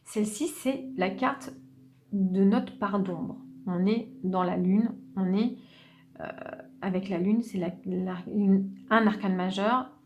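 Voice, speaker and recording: A woman giving an unscripted tarot reading, speaking gently and hesitantly, with many restarts. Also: medium pitch, slow, slight background noise. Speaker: tarot reader.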